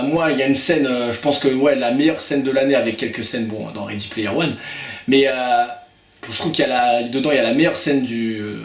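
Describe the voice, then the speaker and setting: A man's voice: medium pitch, echoey room. A man casually reviewing films on video, talking with lots of hesitations, fillers and restarts. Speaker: film reviewer.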